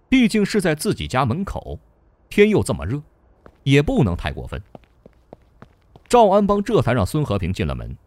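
A man narrating a novel in an expressive storytelling manner. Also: medium pitch, no room sound. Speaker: audiobook narrator.

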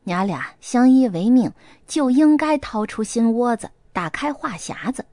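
A nosy, warm-hearted middle-aged mother, put on by a woman reading the story, talking in homely, colloquial turns. The voice swings lively up and down in a dry, close sound. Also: on the high side, a little slow, dry recording. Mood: coaxing.

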